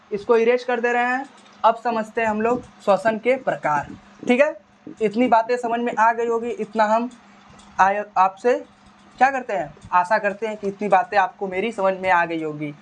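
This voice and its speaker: A male teacher giving a classroom biology lecture in a conversational style. He keeps asking short questions, answers them himself, and repeats the key terms. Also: high voice.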